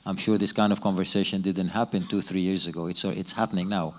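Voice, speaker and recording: A middle-aged businessman from Sudan, answering audience questions at a conference fireside chat in a measured way, often pausing and restarting his sentences. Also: low-pitched, fairly even intonation. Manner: measured, with frequent restarts and hesitations. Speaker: business executive, keynote guest.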